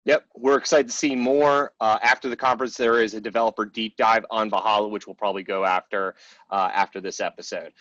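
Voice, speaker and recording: A man's voice: fairly low pitch, steady tone, a little fast, a bit bright, no echo, muffled recording. A man hosting a casual gaming debrief, speaking in a blunt, informal, chatty way. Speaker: host.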